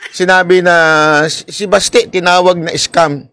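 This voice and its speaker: A man's voice: sits high, steady tone, normal speed, fairly bright tone, a little hiss or hum. A man from the Philippines giving casual, chatty political commentary, laughing often and talking straight to his viewers.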